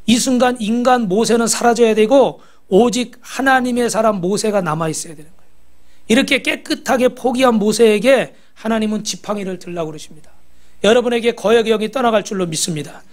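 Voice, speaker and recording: A man's voice: high voice, brisk. A pastor preaching a sermon. He exhorts the congregation, asks them rhetorical questions and has them repeat after him.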